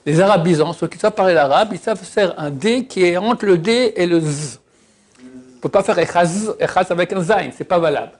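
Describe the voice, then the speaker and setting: A man giving an informal religious lesson. He stretches out and half-sings Hebrew words to show how they are said, and he drops casual, teasing asides between the examples. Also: high-pitched. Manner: lively, drawn-out demonstrations of words, half-sung. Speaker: religious teacher.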